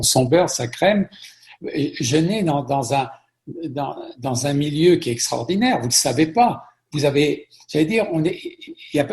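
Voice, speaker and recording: Middle-aged French-born man, interview guest, gravelly voice, chatty storyteller who repeats himself. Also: medium pitch. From France. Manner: warm storytelling with frequent repetitions. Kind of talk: conversational interview.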